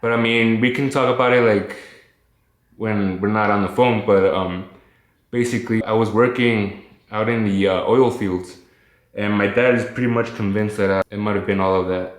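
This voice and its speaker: A man with a fairly low, steady voice and normal speed calls in as a phone guest to recount his illness. He rambles in a casual, reflective way, using easygoing slang, and the audio sounds roomy.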